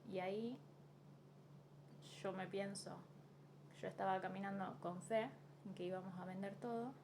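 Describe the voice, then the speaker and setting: A woman with a Rioplatense Spanish accent giving a casual devotional talk, earnest and reflective, often pausing with fillers. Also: medium pitch. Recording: steady background noise.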